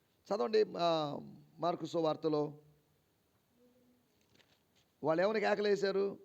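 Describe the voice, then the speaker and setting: A man preaching a lively sermon to a church congregation, his voice pitched high for a man and rough with gravel. He keeps asking the room rhetorical questions and moves between hushed asides and forceful, raised declarations. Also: takes it slowly, lo-fi sound. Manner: swings between low quiet asides and raised emphatic declarations. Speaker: pastor. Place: church service.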